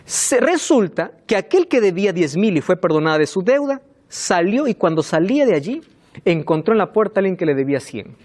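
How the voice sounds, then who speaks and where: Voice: mid-range voice, very animated, brisk, a little mellow. A preacher delivering a sermon, telling stories expressively, asking the congregation rhetorical questions and repeating phrases for emphasis.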